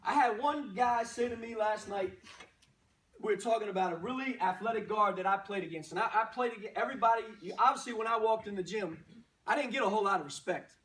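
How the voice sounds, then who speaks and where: A man's voice: sits high, fast, fairly bright tone. A man speaking as a coach, giving a motivational pregame pep speech to a team in short, punchy phrases and exhorting rhetorical questions. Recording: roomy echo, distant microphone.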